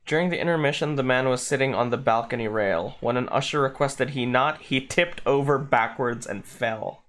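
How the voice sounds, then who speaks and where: A man's voice: medium pitch, moderate pace, a bit bright. A man livestreaming a casual reaction, with short interjections and offhand swearing.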